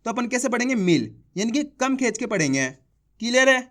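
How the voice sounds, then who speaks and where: A young man teaching reading in a slow online lesson, drilling sounds and asking learners to repeat after him. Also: extremely high pitch, very animated, a bit bright. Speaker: Hindi teacher.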